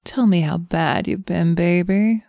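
A wicked, playful succubus purrs in a low, unhurried voice with a gravelly edge, played by a woman. She teases and often sinks into breathy whispers right at the mic. The sound is dry and close, with no room around it. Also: mellow, no echo. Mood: teasing. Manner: teasing, breathy, slips into whispers. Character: seductive teasing female succubus, playful and wicked. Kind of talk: erotic audio roleplay.

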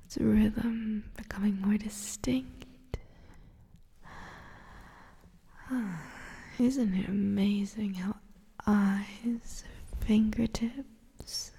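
A cruel, gloating succubus, as a woman acts her out breathes out each taunt in a dark, gravelly whisper, so breathy it is nearly all air. She drags every phrase out slowly, and a long hall reverb trails behind her. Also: mid-range voice, heavily acted. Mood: hypnotic hush. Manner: whispers almost every line, slow and taunting. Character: predatory teasing female succubus, cruel and gloating. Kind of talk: erotic audio roleplay.

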